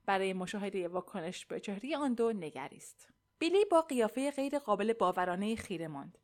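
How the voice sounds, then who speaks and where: Woman audiobook narrator, calm and even. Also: mid-range voice.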